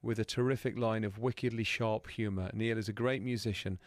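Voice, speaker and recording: A man's voice: fairly low pitch, steady tone, a little fast, no echo. A man hosting a radio show in a studio, chatting with his guest and reading out listener messages. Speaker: radio host. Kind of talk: radio phone-in interview. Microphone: studio microphone.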